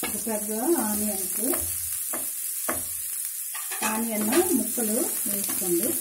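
A woman's voice: mid-range voice, steady tone, moderate pace, very noisy. A woman walks viewers through a recipe at her home stove, chatty and instructive and repeating each tip. Her voice rings in an echoey kitchen while oil sizzles and a spatula clicks against the pan. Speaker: cooking channel host. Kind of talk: home cooking demonstration.

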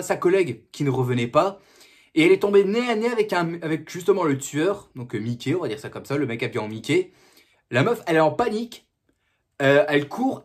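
A man's voice: high-pitched, husky. A man giving a casual, slangy film review, repeating himself and breaking into sudden mock outbursts.

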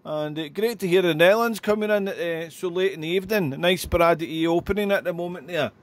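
A man's voice: high-pitched, fast. A man chatting as an amateur radio operator, making contacts with callsigns and phonetic spelling. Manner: chatty, repeats "there" and phrases.

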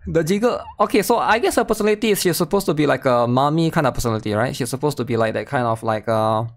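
A young man with an animated mid-range voice talks fast as he streams from a desk in an indoor room, reacting to a game trailer whose music plays behind him. His commentary is casual, and he keeps checking in with tags like "right?" and "guys."

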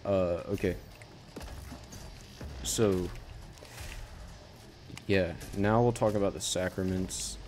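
Deep, flat-voiced man rambling over gameplay. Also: soft background music. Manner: rambling, halting, self-correcting. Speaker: gaming channel host. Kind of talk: casual gameplay commentary.

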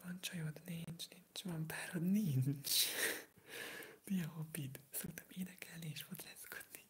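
A man hosting a live ASMR stream, answering viewer comments in a soft unvoiced whisper. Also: a little high, steady tone. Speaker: ASMR livestream host. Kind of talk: whispered ASMR livestream chat.

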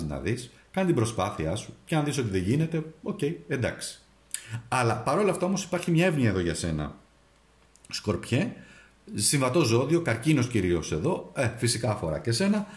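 Animated man giving a tarot reading. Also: medium pitch. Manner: animated, addresses the viewer directly, gives advice. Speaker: tarot reader and astrologer. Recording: echoey room.

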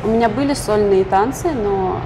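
A young woman from Uzbekistan, a guest in a casual interview, answers earnestly and thoughtfully at a moderate pace in a medium-pitched voice. She's indoors in a lounge with leather sofas and bookshelves, with noisy room ambience in the recording.

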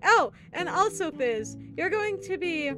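A woman's voice: very high-pitched, animated, measured pace, music in the background. A woman hosting a game show, chatty, laughing often, announcing questions and scores.

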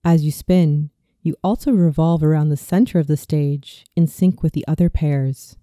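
A narrator in their thirties reads a scripted meditation visualization in a soothing, deliberate way. The voice is medium-pitched, deeply mellow and soft-edged, with fairly even intonation. The recording is dry and close, with no room sound.

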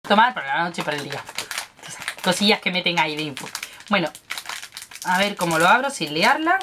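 A woman's voice: fairly low pitch, animated, fairly quick, noisy background. Chatty young woman gushing over snacks. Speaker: beauty and snack vlogger. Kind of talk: casual unboxing and tasting vlog.

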